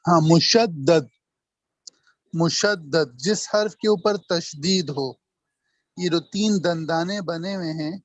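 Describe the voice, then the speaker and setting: Man slowly drilling grammar terms. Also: fairly high pitch, no room sound. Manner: slow, repeats terms and drills examples. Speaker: Arabic grammar teacher. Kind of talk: online grammar lesson. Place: online video call. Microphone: computer mic on a video call. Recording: dull, dry video-call audio.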